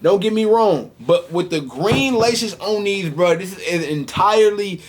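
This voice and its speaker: A young man talks through a sneaker unboxing in loose, slangy chat, turning to his viewers often. His voice sits a little high for a man. His speech is slightly slurred from freshly tightened braces. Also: a little slow. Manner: slangy, animated, addresses viewers directly. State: sore mouth from tightened braces, some slurring. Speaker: sneaker vlogger.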